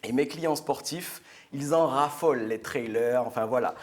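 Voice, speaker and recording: A man's voice: medium pitch, moderate pace. A man from French Guiana giving an earnest, chatty product talk on a live studio show, with frequent fillers and restarts. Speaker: guest speaker.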